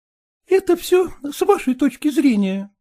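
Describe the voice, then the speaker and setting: A man doing a frank young woman who coaxes and insists, her mellow voice swinging up and down. She talks briskly and plainly, pressing her point in a storybook reading. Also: very high voice, very animated, pitched above the performer's own voice, heavily acted. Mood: insistent. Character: lively, frank young woman setting terms.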